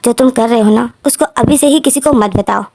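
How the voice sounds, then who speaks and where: A woman's voice: fairly high pitch, brisk, a little mellow. A woman storyteller voicing a stern middle-aged father who lectures his son dismissively.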